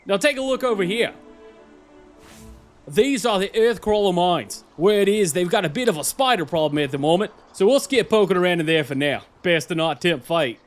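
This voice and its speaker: Guy doing aussie nature doc host, adventurous and matey, higher voice, bit of music under. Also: lively intonation, normal speed. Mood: chummy, curious. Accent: Australian. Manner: chummy, colloquial, enthusiastic. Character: cheerful, adventurous Australian male wildlife presenter. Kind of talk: nature documentary presenting, parody.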